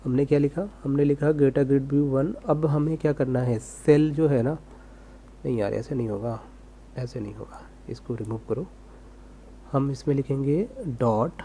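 Male coding tutor, relaxed mellow delivery, rhetorical self-questions as he types, light hum in the recording. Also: medium pitch. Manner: casual, rhetorical self-questions, talks while typing. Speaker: programming tutor.

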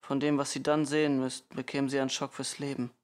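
A man reading a weary father who speaks quietly and calmly, turning sharp when pushed. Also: medium pitch, fast talker, close to an everyday voice. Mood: calm, grim. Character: calm weary father, middle-aged man.

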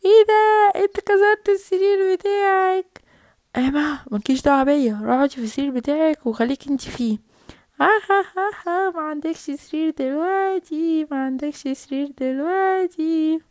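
Woman doing a shrill teasing Egyptian little girl. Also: fast talker, few pauses, darkish tone, no echo, studio quality, close to an everyday voice. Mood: taunting. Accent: Egyptian Arabic.

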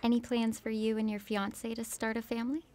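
A woman's voice: fairly high pitch, flat delivery, fairly quick, darkish tone, natural voice. A woman playing a harried, polite working mother in an office puppet parody. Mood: friendly, weary.

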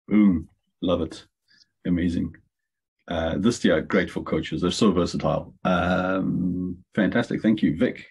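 A man's voice: sits low, a little slow, creaky, a little mellow, husky. An upbeat, chatty man, hosting a casual training session over a video call. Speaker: webinar host and marketing consultant.

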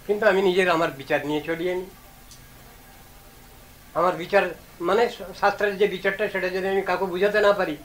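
Guy preaching, kinda high voice, earnest, reasons it out, little hiss in the back. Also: a bit bright, rough recording. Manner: earnest, reasoning aloud, slow chanted recitation of verses. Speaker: religious speaker. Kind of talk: devotional discourse.

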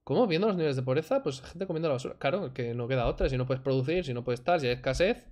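This reaction streamer talks very fast at a medium pitch, mocking a video clip with sarcastic, animated, casual commentary. He's indoors at his home desk, speaking into a desk mic with headphones on.

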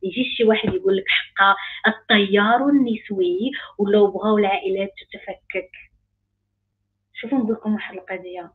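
A woman's voice: mid-range voice, slightly rough. A woman with a Moroccan accent, a life coach giving an emphatic online talk full of repeated phrases. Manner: emphatic, repetitive, rising intensity. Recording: tinny phone-like sound.

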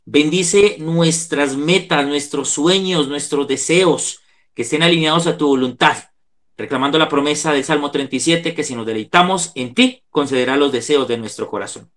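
Speaking at a moderate pace in a slightly high, somewhat bright voice, a middle-aged man with a Colombian accent gives an earnest, sermon-style devotional talk. He's a psychologist on a video call in an indoor room, heard through the call's microphone.

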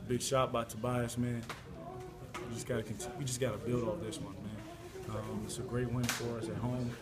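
Young pro athlete, loose postgame talk, heavy crowd chatter around him. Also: male voice, mid-range voice, normal speed. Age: young adult. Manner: relaxed, repeats "man" and "you know". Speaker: basketball player. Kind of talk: postgame locker room interview. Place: crowded locker room. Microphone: reporters' recorders and camera mics held close. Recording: noisy locker room crowd. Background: loud crowd chatter.

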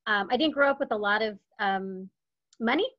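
A woman's voice: medium pitch, moderate pace. A woman in her fifties from Texas, speaking as a panelist on a video call from home, telling her story in an earnest, reflective way. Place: home room, indoors. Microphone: webcam on video call. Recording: dull lo-fi call audio.

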